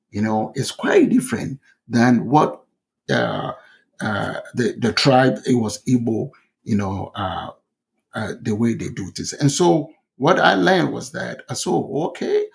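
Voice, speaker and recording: A middle-aged Ghanaian man speaks slowly as an interview guest, his voice gravelly with fry. He talks hesitantly, with lots of fillers and false starts, in a relaxed storytelling way. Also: mid-range voice. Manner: hesitant, many fillers and restarts. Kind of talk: conversational storytelling.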